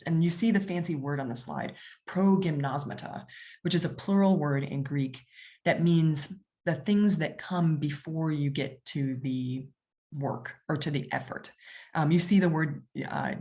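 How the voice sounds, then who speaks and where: A woman's voice: deep voice, a little mellow. A woman giving a public lecture, explaining in a conversational way with frequent fillers.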